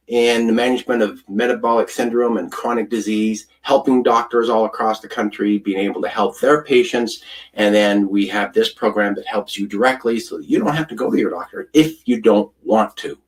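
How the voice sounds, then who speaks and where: A man's voice: mid-range voice, normal speed, distant mic. A man, a food scientist, giving a live online presentation in an earnest, storytelling way with frequent ums and uhs.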